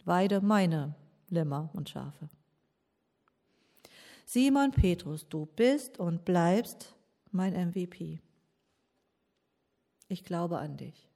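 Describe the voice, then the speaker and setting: A woman voicing a gentle, forgiving male teacher who reassures a friend slowly and tenderly in a sermon. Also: lowish voice, lively intonation, gravelly, exaggerated voice.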